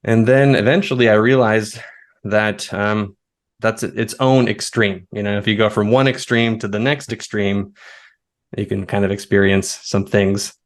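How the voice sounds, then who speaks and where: A man in his thirties speaks as a podcast guest with a lowish voice. He tells his stories in a relaxed, rambling way. His delivery stays easygoing throughout. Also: measured pace. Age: 30s. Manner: relaxed, storytelling, now and then laughing. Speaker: guest, foraging expert. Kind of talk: conversational interview.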